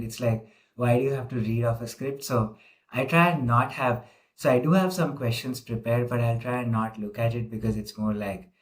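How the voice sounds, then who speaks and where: Man, casual interviewer, chatty, lots of "like" fillers, mid-pitched voice.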